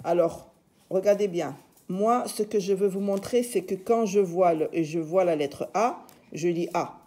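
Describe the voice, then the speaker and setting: A woman's voice: fairly low pitch, a little slow, warm tone. A woman teacher giving a reading lesson, patiently sounding out letters and syllables one by one.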